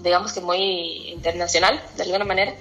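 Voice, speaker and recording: A woman from Costa Rica with a Costa Rican accent, a guest telling stories in an animated, chatty way. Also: fairly low pitch, fast talker, faint music behind, low-quality recording. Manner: animated storyteller, laughs often. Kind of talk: casual conversation.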